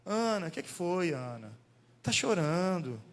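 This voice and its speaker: A man voicing a gentle husband who slowly and softly coaxes his weeping wife. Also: high voice, very animated, big-room sound, full character voice. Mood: soothing.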